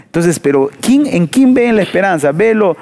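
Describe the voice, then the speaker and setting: A man preaches in a panel talk. His voice sits a little high with a gravelly fry, and he drives his points home with rhetorical questions and vivid stories. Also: very animated, moderate pace, a little mellow. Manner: emphatic, storytelling, rhetorical questions.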